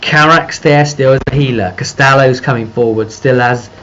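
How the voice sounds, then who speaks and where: At a moderate pace, a man with a fairly bright mid-range voice retells a tabletop session he ran as game master. He speaks casually and without a script, wandering as he pieces events together. The mic is dull and lo-fi, with faint noise.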